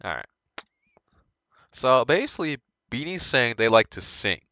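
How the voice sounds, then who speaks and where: A young man giving an informal language lesson, thinking aloud in a halting way and correcting himself as he goes. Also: medium pitch, sing-song, pushed and bright. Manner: hesitant, halting, self-correcting. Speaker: language tutor.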